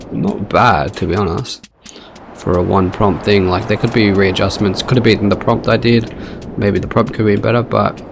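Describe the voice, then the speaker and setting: A young man with a heavily gravelly, low voice talks casually over a screen recording as he plays, thinking aloud in a laid-back way. He speaks into a desk mic at his computer, and a clear noise hum sits under the voice. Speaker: channel host testing AI models.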